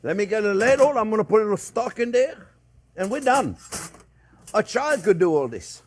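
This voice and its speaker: Warmly addressing his viewers as friends, an older cooking-show host chats in a lively, casual way, repeating short phrases while he demonstrates. His voice sits high with big pitch swings at a normal speed, over slight background noise.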